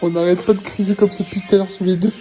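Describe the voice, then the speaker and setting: A man's voice: high voice, flat delivery, fast talker, dark tone, soft background music. A young man filming a casual family vlog at home, joking, swearing and talking baby talk to his infant. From France. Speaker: vlogger parent. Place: home, indoors.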